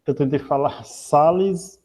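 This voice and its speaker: Hesitant student, mellow voice. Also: male voice, on the high side, slow. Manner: hesitant, with restarts and apologies. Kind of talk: answering in an online class.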